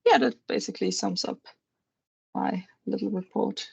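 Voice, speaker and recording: A woman's voice: mid-range voice, normal speed, creaky, a little mellow, slightly rough, no room sound. A young woman from Germany, presenting a nursing case report on a video call, hesitant and full of fillers. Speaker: nursing student.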